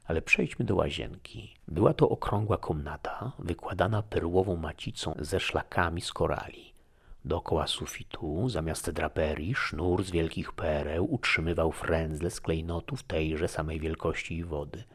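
A man narrating a classic novel in a measured, formal reading style. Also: extremely low pitch, fairly even intonation, husky. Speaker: audiobook narrator. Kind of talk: scripted narration.

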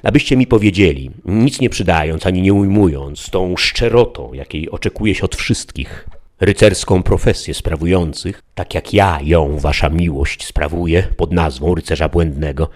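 A man's voice: low-pitched, normal speed, darkish tone. A man reading an earnest pleading old-time squire. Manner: pleading, wordy, old-fashioned speech. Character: simple loyal squire, adult male, earnest and pleading. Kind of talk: audiobook character reading.

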